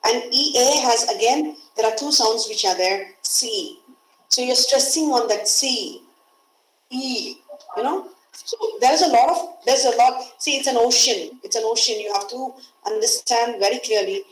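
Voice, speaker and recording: A woman's voice: on the high side, normal speed, echoey room, poor audio. A woman with an Indian English accent, teaching English pronunciation in a webinar and explaining patiently with lots of repetition. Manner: explains patiently, repeats key words. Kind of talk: webinar lecture. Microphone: video call.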